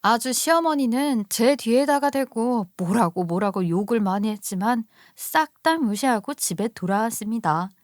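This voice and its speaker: A woman's voice: a little high, animated, moderate pace, hardly any pauses, dry recording. Indignant woman storyteller, dry close voice. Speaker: story narrator. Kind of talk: reading a story for radio-style video.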